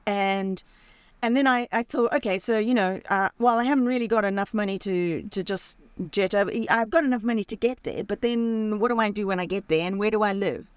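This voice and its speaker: Speaking remotely from her campervan, this sixty-something author from Zimbabwe swaps casual stories with the podcast host, often poking fun at herself. Her medium-pitched voice moves briskly and sounds clean, without echo.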